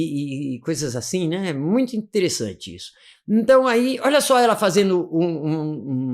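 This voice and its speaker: A Brazilian man leads an English lesson in an animated, chatty way. He laughs often, and his pitch swings widely as he talks. He drills short phrases aloud. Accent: Brazilian Portuguese. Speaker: English teacher. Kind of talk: teaching chat over a student video.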